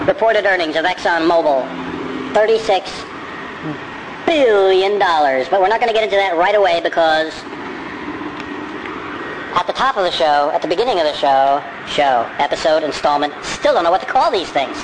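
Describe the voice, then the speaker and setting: A man's voice: high-pitched, expressive, moderate pace, pauses often, background noise. A man hosting a podcast in a sped-up chipmunk voice, rambling and correcting himself as he goes. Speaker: podcast host. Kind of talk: casual podcast monologue.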